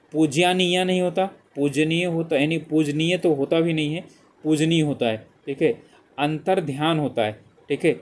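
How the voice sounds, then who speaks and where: On the high side and a little mellow, this man's voice guides students through a multiple-choice spelling exam, question after question. He reads the options aloud repeatedly and checks in with "ठीक है" again and again.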